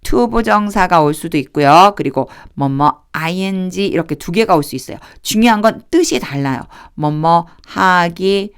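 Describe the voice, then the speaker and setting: A woman giving an English Bible reading lesson, reading English phrases slowly and then explaining them step by step. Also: fairly low pitch, lively intonation, clear, resonant tone.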